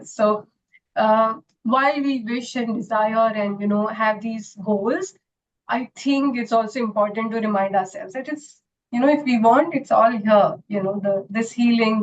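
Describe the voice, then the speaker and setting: An earnest woman homeopath speaking in a slightly higher voice, leaning on many "you know" fillers as she explains her work. The recording is dull and muffled. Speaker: guest, retreat founder and homeopath. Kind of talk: interview answer and storytelling.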